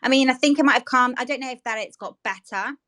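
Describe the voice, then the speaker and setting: A woman's voice: sits high, fast talker, sharp tone, no room sound. A woman hosting a casual discussion, thinking aloud and searching for words. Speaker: host.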